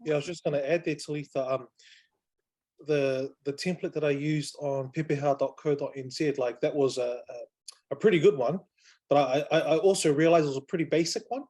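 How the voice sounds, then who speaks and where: A man's voice: on the high side, fairly quick. A man moderating a video call, talking casually and hesitantly with many fillers. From New Zealand. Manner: relaxed, hesitant with many ums.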